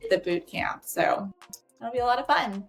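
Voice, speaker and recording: A woman hosting a local podcast, asking questions in a warm, encouraging way. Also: on the high side, animated, normal speed, creaky, soft background music. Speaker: podcast host. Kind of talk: casual interview.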